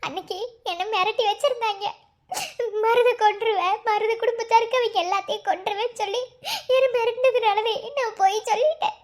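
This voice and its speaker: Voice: fairly even intonation, a little fast. A voice actor playing a young village woman in a cartoon, pleading through tears in a Madurai Tamil accent. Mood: tearful. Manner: tearful, pleading, high and thin. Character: young village woman begging to wed her love. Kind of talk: cartoon voice acting.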